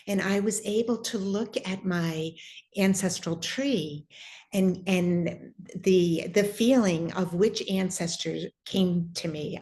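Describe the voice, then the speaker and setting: Woman guest, low-pitched, reflective personal testimony with halting restarts. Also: a little mellow. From Irish heritage. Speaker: guest sharing spiritual story.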